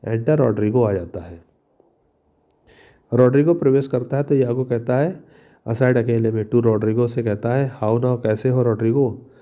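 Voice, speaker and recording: Man, teacher, dark mellow voice, slow line reading, play explanation, muffled lo-fi sound. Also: medium pitch. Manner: reads English lines slowly, then explains in Hindi. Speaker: English teacher.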